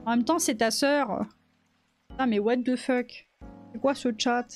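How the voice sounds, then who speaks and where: A woman's voice: on the high side, fairly even intonation, unhurried, faint music behind. A woman live streamer chatting casually with her chat while she models in 3D, laughing often.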